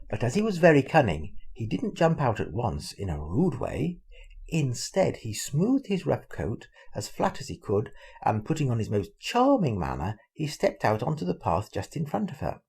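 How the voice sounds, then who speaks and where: An older man reads a fairy tale aloud to his grandchildren. His delivery is animated, and his pitch moves widely. His voice is gravelly and husky. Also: normal speed. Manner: expressive, animated storytelling. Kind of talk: storybook reading.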